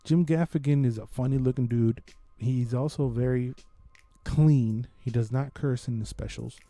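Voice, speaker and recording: A podcast host with a mellow, medium-pitched voice reviews games and comedy specials at a normal speed, chatting casually in slangy, informal language with no echo.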